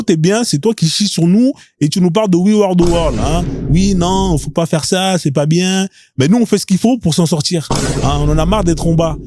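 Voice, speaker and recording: A man with a high-sitting voice hosts a live stream of casual commentary, speaking bluntly and crudely and frequently throwing out a rhetorical "hein?".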